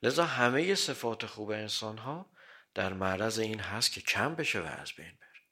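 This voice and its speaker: A man giving a religious sermon, quoting Arabic sayings and explaining them in everyday Persian, often clearing his throat. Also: fairly low pitch, animated, sharp tone. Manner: quotes Arabic hadith then explains in plain Persian. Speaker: cleric.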